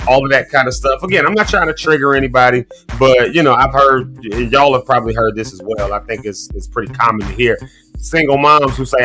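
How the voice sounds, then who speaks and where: A man in his thirties hosts a relaxed morning livestream, speaking directly to his viewers in a homespun, sermonizing style while struggling against a cough. His medium-pitched voice sounds pushed and bright, with faint music playing in the background.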